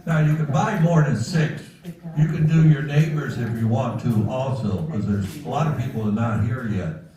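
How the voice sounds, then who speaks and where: Mellow man in a very echoey room. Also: medium pitch, normal speed. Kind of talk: informal remarks at a club meeting. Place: meeting room, far from the mic. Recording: very echoey room, distant mic, faint noise.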